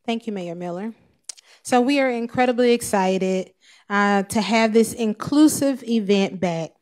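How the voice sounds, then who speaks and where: A woman's voice: mid-range voice, takes it slowly, a little mellow. A woman chairing an event committee, speaking in an upbeat, promotional way at a podium mic in a council chamber. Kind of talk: press conference speech.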